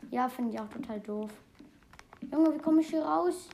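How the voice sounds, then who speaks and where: A woman chatting excitedly while playing a video game, exclaiming often and rambling between facts. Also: high voice, moderate pace, vocal fry, a little hiss or hum. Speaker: game player. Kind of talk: casual gameplay commentary.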